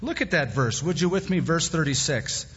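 Male pastor preaching at a pulpit mic, raised husky voice, long hall echo, dull recording. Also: on the high side, expressive, normal speed, fairly bright tone. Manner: conversational, with plain-spoken asides. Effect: preaching at a pulpit microphone. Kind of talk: sermon. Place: church sanctuary. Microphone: pulpit microphone. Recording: echoey hall, dull lo-fi sound.

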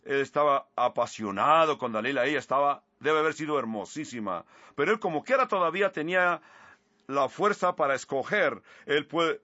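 A man's voice: on the high side, animated, moderate pace, bright, forceful tone, no room sound. A man preaching a sermon, earnestly retelling scripture with asides, on a slightly muffled recording.

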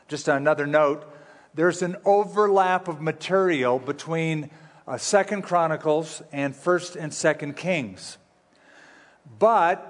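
A man preaches at a pulpit microphone, his voice sitting a little high for a man. He teaches in a relaxed, folksy way with touches of humor. His words ring out with a long reverb through a big church sanctuary. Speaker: pastor. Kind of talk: sermon teaching. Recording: long reverb of a large hall.

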